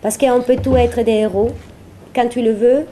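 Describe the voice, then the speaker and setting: A slightly high, mellow voice holds a steady tone at normal speed, with a little hiss or hum underneath. The woman, a singer-songwriter from Venezuela, is chatting playfully as an interview guest in French, her second language, with a Spanish accent, and she frequently repeats phrases for emphasis.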